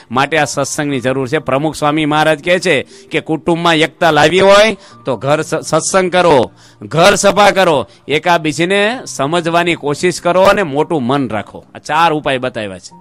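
Higher-voiced man preaching. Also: a bit bright. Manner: storytelling, briefly acting out the people in his stories. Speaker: monk giving a religious discourse. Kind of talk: sermon with anecdotes. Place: religious gathering before a seated audience.

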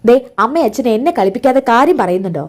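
A scornful young woman snaps her retorts in a raised, quick voice, as a woman storyteller puts her on. She sounds cold and impatient. The voice sits high, and the lines tumble out fast. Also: lively intonation, darkish tone. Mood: puzzled.

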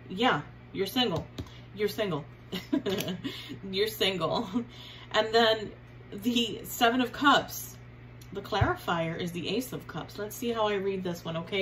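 A woman tarot reader talks her viewers through a card spread at a slow, unhurried pace, using pet names and repeating herself as she turns each card. Her voice sits in a middle pitch, with a faint hiss of noise under the recording. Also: fairly bright tone, rough recording. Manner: chatty, affectionate, repeats signs and card names. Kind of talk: casual tarot reading to viewers.

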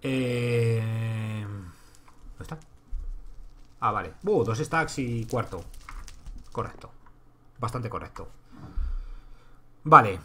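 A man's voice: lowish voice, takes it slowly, pauses often, slight background noise. A man from Spain streaming live gameplay, chatting casually with his viewers and swearing freely as he plays. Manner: talks to himself and chat, swears freely. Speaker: livestreaming gamer. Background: keyboard typing and clicks.

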